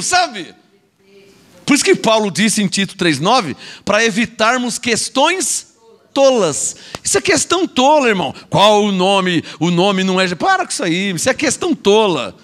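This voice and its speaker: A man's voice: sits high, very animated, measured pace, fairly bright tone. A man with a Brazilian Portuguese accent preaching a sermon as an apostle, scolding and sarcastic, with mocking asides and repeated words.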